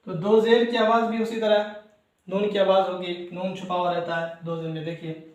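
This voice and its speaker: A man's voice: high-pitched, flat delivery, moderate pace, heavy reverb. A man teaching Quran reading, patiently explaining and repeating syllables one by one for learners. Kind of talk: slow step-by-step recitation lesson.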